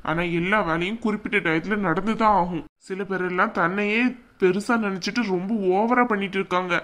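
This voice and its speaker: A woman's voice: medium pitch, fairly even intonation, fairly quick, fairly bright tone, lightly acted. A woman voicing a scornful, quarrelsome young husband in a cartoon, talking in a taunting way. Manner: taunting, contemptuous. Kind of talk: cartoon voice acting.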